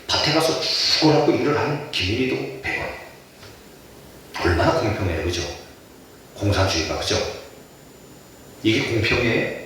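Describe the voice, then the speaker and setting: A middle-aged man from Chungcheong preaching a sermon, animated and firing rhetorical questions at the congregation. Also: lowish voice, a little hiss or hum. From Chungcheong, Korea. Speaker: pastor. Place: church sanctuary. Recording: echoey church hall, distant mic.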